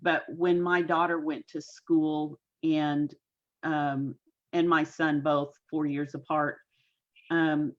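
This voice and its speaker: A folksy woman in her sixties with a low, deep-set voice speaks earnestly and at a measured pace as an interview guest. Her voice comes through a video call that sounds dull and lo-fi. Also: flat delivery. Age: 60s. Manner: folksy, homespun phrasing. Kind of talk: casual interview talk.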